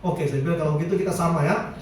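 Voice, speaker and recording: A man's voice: fairly high pitch, fast talker, a little hiss or hum. A middle-aged man preaching a sermon in a church, telling stories casually and dropping in a chatty "ya". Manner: casual storytelling with frequent "ya". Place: church hall. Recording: very echoey hall, mic far off.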